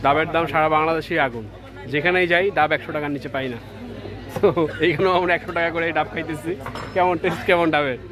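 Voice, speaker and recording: A man's voice: on the high side, fast talker, crowd noise. A man from Bangladesh narrating a casual travel vlog as he walks outdoors on rural trails, chatting and mixing in English words. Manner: chatty, relaxed commentary mixed with English words. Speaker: travel vlogger. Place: outdoors on rural trails, village and tea garden.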